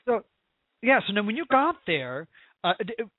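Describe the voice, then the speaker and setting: A man's voice: sits high, big pitch swings, normal speed, no room sound. An American man hosting a chat show, gushing and joking in a campy way, with many restarts. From United States. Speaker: host. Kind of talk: casual interview chat. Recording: tinny dry phone-like line.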